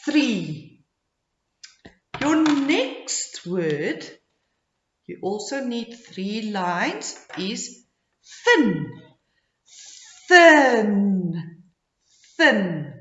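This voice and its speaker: A woman phonics teacher talks to young children in simple instructions, extremely slowly, with exaggerated modeling of each sound. Her pitch moves in an animated way, and the recording has a clear room echo. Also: slight background noise. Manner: slow, exaggerated speech modeling, repeating words and sounds. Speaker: early-grade phonics teacher. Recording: dull, echoey room sound.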